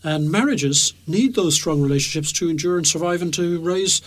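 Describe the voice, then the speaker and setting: A man's voice: on the high side, moderate pace. A middle-aged man discussing relationships on radio, thoughtful and a bit hesitant. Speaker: radio show co-presenter. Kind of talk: conversational discussion.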